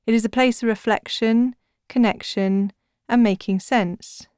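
Smooth, dry-sounding woman guiding calm relaxation. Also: on the high side, no room sound. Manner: soothing, measured, deliberate phrasing. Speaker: podcast host and author guiding breathing practices. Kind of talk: calm guided relaxation narration, like a sleep story narrator; scripted narration.

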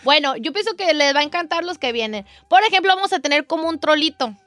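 A fairly high-voiced woman co-hosts a radio show. She reads out a list in an upbeat way, and her voice is heard dry and close to the mic. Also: lively intonation, fast talker, a bit bright, no room sound. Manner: upbeat, presenting a list, laughs along. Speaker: radio co-host.

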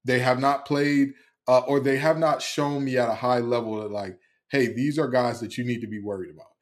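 A man's voice: medium pitch, steady tone, moderate pace. A man hosting a solo football preview, talking emphatically with many fillers and repeated phrases. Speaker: sports analyst host. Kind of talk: solo sports preview commentary.

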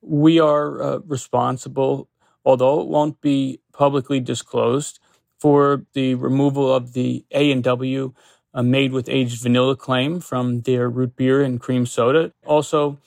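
Measured, gravelly male lawyer in interview. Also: mid-range voice, level tone, darkish tone, no echo. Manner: measured, hesitant, many fillers and restarts. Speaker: consumer protection lawyer. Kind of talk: interview answers.

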